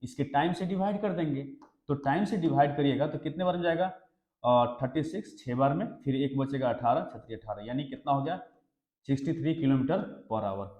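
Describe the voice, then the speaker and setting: Here a man of medium pitch and dark tone teaches maths a bit quickly, guiding an exam-prep class one step at a time. He keeps putting questions to the students to make sure they're with him, and the room echoes.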